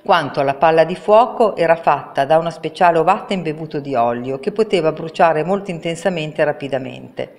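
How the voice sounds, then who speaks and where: Woman reading a kids story at a library, low calm voice, lots of reverb. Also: fairly quick, few pauses. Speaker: reader. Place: public library. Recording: reverberant room.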